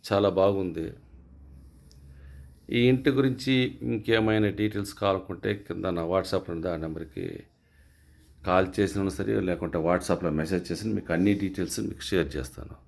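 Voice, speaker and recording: A man's voice: sits low, brisk, vocal fry, darkish tone. A man working as a real estate agent gives a property tour and talks straight to his viewers, pushing a sale and repeating himself. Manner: salesy, repetitive, direct appeals to viewers.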